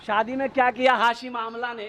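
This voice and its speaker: A man's voice: extremely high pitch, flat delivery, brisk, a bit bright. A man delivering an impassioned sermon, with exclamations and repeated phrases, who acts out the dialogue of his stories. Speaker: Islamic preacher.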